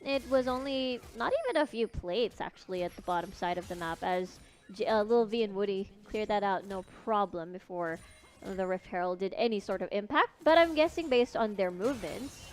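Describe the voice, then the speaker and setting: A young woman casting a live esports match, giving relaxed analysis. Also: medium pitch, moderate pace. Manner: relaxed analysis, laughs easily. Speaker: esports caster.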